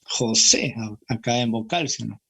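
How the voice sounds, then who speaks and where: A man's voice: medium pitch, lively intonation, normal speed, gravelly, bright, forceful tone, slightly rough. A man with a Peruvian Spanish accent teaching an exam-prep grammar lesson in a classroom, repeating his points and checking in with students. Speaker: language teacher.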